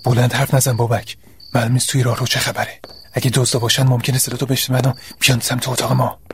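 A man's voice: medium pitch, slight background noise, lightly acted. An actor playing a level-headed young male student who keeps the others in line. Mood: urging. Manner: steady, commanding.

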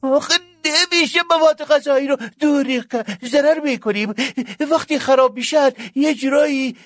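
A man's voice: very high voice, a bit bright, dry recording, pitched above the performer's own voice. A man voicing a frightened, sweating restaurant worker who whines and stammers nervously in an audiobook story. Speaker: narrator doing a character.

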